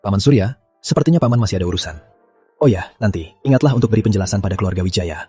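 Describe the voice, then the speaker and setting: A man's voice: fairly low pitch, expressive, very fast, mellow, slightly rough, soft background music. A man dubbing a sly young master who mocks others in a smug, taunting way. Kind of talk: dubbed drama acting.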